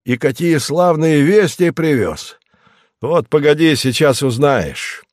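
A man voicing an excitable, cheerful country gentleman in an audiobook, calling out loudly and jovially. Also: a little high, takes it slowly, dry recording, studio quality, voice pushed up. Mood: jubilant. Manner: loud, exclamatory, jovial. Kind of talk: audiobook character reading.

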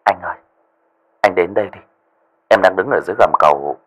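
Brief: narrator voicing a nervous young underling, stammering, low and husky. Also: male voice, fairly quick, dull audio. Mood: hesitant. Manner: hesitant, stammering. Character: hesitant young male gang underling on the phone.

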